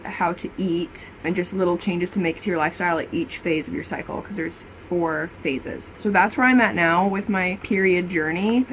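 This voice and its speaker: A woman's voice: fairly low pitch, low-quality recording. A young adult woman chatting casually and informally to camera as a vlogger. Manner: informal, conversational. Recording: clear background noise.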